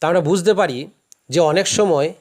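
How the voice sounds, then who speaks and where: A man's voice: high voice, a little fast, darkish tone. A male teacher with a Bangladeshi Bengali accent giving a classroom lecture, explaining patiently step by step with examples.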